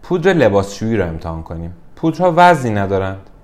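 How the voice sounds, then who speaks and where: A man's voice: fairly low pitch, very animated, darkish tone. A man voicing a small, eager young safety pin helper, in a children's storybook.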